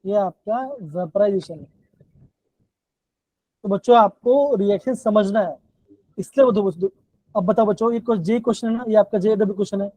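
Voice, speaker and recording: High-voiced male chemistry teacher, repetitive. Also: brisk, pauses often, warm tone, dry recording. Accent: Himachali Hindi. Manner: repetitive, keeps calling the students "बच्चों". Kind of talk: live online class lecture. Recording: dull, dry low-fi online class audio.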